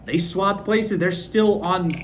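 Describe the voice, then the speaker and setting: A young Minnesota man hosts a fan podcast, giving a casual solo recap of a hockey game. He rambles excitedly with lots of fillers, his fairly high voice a little worn from screaming and his pace slow. There's slight background noise.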